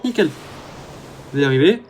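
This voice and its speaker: A man with a slightly higher voice talks his way through a mobile strategy game, chatty and hesitant, filling pauses as he thinks aloud. Faint noise sits behind his voice. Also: animated, a little mellow. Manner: chatty, hesitant, many "euh" fillers. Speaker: gaming YouTuber. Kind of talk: casual gameplay commentary.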